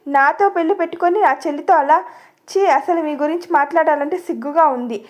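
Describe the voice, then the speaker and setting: Woman reading as a bitter young bride, reproachful, high voice. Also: a little fast, natural voice. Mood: disgusted. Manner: scornful, reproachful.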